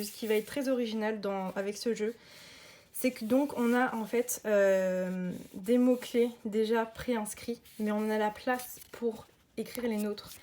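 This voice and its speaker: A woman talks through an unboxing in a relaxed, casual way. She sounds keen and often pauses to find her words. A faint hiss sits under the recording. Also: medium pitch. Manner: chatty, enthusiastic, many hesitations. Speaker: tarot and oracle deck reviewer.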